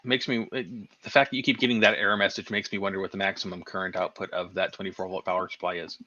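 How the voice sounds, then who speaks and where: A man's voice: low voice, little pitch movement, fast, bright, forceful tone, no room sound. A man co-hosting a casual live stream, making dry jokes and reading out chat comments. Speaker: livestream co-host. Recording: dull lo-fi stream audio.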